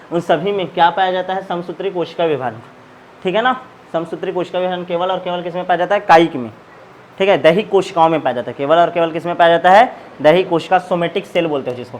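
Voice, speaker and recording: A man's voice: high-pitched, a little hiss or hum. A male biology teacher giving a classroom lecture, asking questions and answering them himself while repeating key terms.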